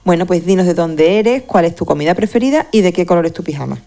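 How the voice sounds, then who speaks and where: A woman's voice: on the low side, lively intonation, fast, mellow, faint music behind. A woman hosting a science podcast, chatting and asking her guest questions. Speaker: podcast host. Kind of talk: podcast interview.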